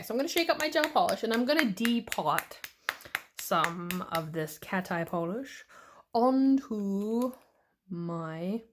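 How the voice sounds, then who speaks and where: A Canadian woman hosts a nail art tutorial in an easygoing, playful way and jokes as she goes. Her speech is slow and unhurried, and her voice sits at an ordinary pitch for a woman. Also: slight background noise. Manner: chatty and playful, jokes and silly sounds. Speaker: nail art channel host. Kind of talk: casual tutorial chat.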